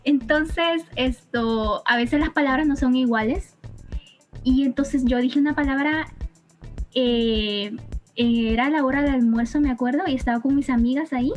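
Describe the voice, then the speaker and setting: A young woman from Honduras with a Honduran accent, chatting hesitantly on a podcast and filling pauses often. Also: high-pitched, faint music behind. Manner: hesitant, fills pauses with "esto", giggly. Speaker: student podcast guest. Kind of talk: casual podcast chat.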